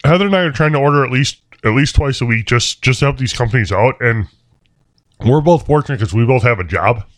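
A man co-hosting a casual podcast from home, chatting in a relaxed way. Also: mid-range voice, fast, no echo, studio quality. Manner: relaxed, talks while eating. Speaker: podcast co-host. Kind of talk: casual chat. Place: at home, by the computer.

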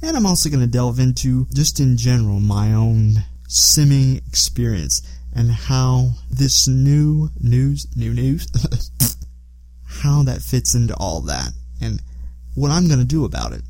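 A man's voice: mid-range voice, lively intonation, unhurried, warm tone, dry recording. A man hosting a podcast solo, talking casually in a rambling, self-deprecating way. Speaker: podcast host.

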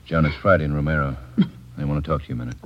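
Super deep radio doctor, grave n quiet, muffled old recording. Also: male voice, fairly even intonation, rapid-fire, slight background noise. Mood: grave, hushed. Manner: hushed, brief instructions. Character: grave, brisk male hospital doctor. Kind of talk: 1950s radio drama acting.

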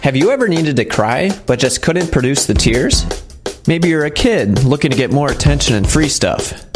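A man giving a deadpan, scripted announcer read for a parody commercial. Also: mid-range voice, moderate pace, over music.

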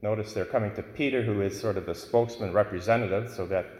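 A man, a priest, reading the gospel and preaching a homily in a measured, explanatory way, his voice ringing with cathedral echo. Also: on the low side, darkish tone. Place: large church. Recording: echoey church with long reverb.

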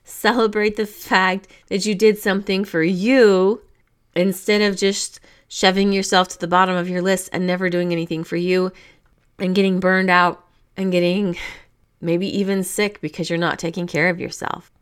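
Female host, motivational talk; smooth, clear delivery in a lower register, casual and repetitive encouragement. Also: level tone, normal speed. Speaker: podcast host.

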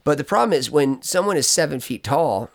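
On a podcast, a man with a somewhat high, brisk, creaky voice casually tells a long story. He rambles, cuts himself off with asides, and narrates in an animated way, like easy chat.

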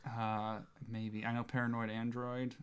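A man's voice: medium pitch, completely flat delivery, a little slow, smooth. A man co-hosting a podcast, easygoing and agreeable, often laughing as he chats. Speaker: podcast co-host. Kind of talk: casual chat.

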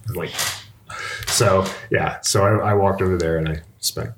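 A man's voice: low voice, fairly even intonation, normal speed, noisy background. A man hosting a podcast, telling a travel story in a casual, chatty way with detours. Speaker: podcast host.

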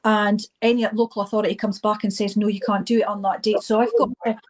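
A middle-aged or older woman with a Highland Scottish accent, speaking informally as an interview guest, often repeating words as she goes. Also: flat delivery. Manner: halting, repeats words and phrases. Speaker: interview guest, event organiser.

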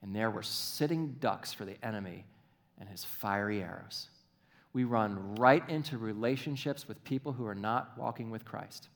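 A male pastor preaching a sermon in a church, animated and acting out little voices, then dropping to a soft, hushed delivery. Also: on the low side, moderate pace. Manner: animated, acts out quoted voices.

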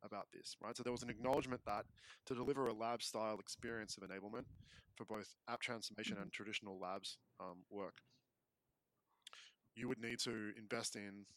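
An Australian man talking as a podcast guest in casual chat, quick and often restarting phrases as he explains. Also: lowish voice, fairly even intonation, a bit bright, low-quality recording.

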